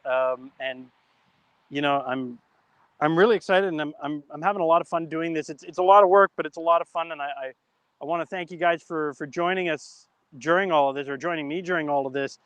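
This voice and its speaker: A man's voice: on the high side, fairly bright tone, clean tone, dry recording. A man hosting a live talk show, speaking casually with many restarts and stumbles, and telling a long joke in an easygoing way. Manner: chatty, self-correcting, jokey storytelling. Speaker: host.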